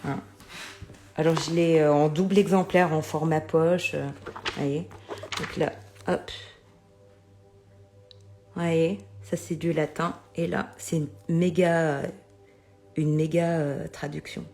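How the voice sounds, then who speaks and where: A woman's voice: low voice, steady tone, takes it slowly, pauses often, dark tone, faint music behind. A middle-aged woman chatting casually to viewers about oracle cards, often checking they follow her with little asides. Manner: chatty, keeps addressing viewers, many fillers. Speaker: oracle card reader.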